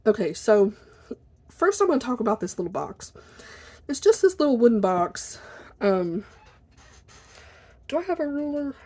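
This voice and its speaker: A woman chatting casually and informally at her desk for a video, in an apologetic, rambling way, with a squeaky chair that may creak behind her. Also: a little mellow. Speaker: video blogger. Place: at a desk indoors.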